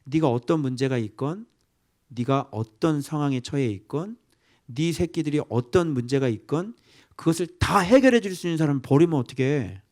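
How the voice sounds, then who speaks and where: A man's voice: on the high side, moderate pace. A male pastor preaching a sermon, quizzing his listeners and dropping now and then into whispered asides. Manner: animated, asking the congregation questions, dropping to whispered asides.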